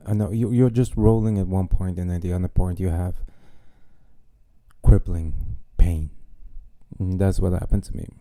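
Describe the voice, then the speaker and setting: Man, podcast host, casual monologue, dark mellow tone, dry close sound. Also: low voice, fairly even intonation, moderate pace, no room sound. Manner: self-mocking, chatty, wry jokes.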